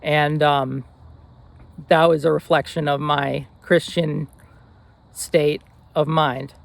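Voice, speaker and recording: A man's voice: a little high, little pitch movement, takes it slowly, vocal fry, dry recording. A young man in his twenties telling a personal story in an earnest, rambling way, with fillers and restarts. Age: 20s. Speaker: vlogger.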